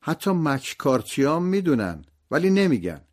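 A man's voice: fairly high pitch, sing-song, voice pushed up. A man narrating an audiobook voices a dazed, confused mother who speaks weakly and listlessly. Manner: listless, murmuring.

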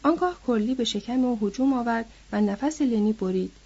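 Husky woman reading a novel, lo-fi. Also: fairly high pitch. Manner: steady storytelling, lifting her voice for quoted characters. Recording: dull lo-fi recording.

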